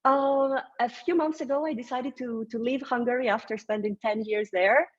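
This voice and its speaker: A woman's voice: fairly high pitch, fairly even intonation, normal speed, dull audio. A woman in her thirties from Greece, a career strategist presenting a webinar in an encouraging, conversational way with fillers and restarts.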